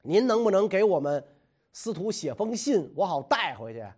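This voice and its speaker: A man's voice: high-pitched, sing-song, moderate pace, darkish tone, slightly rough, exaggerated voice. A man voicing a flustered messenger who stammers and hurries.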